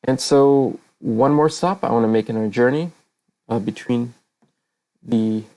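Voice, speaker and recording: Unhurried and dark-toned, a mid-range male voice delivers a casual slide lecture in an online voice channel. He isn't a native Kazakh speaker and hesitates a lot, using many fillers and self-corrections.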